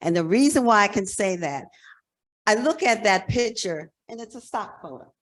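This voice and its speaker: With a medium-pitched, animated voice at a moderate pace, this American presenter from New Jersey addresses a conference. In her sixties and heading a nonprofit as executive director, she speaks frankly, emphatically and conversationally.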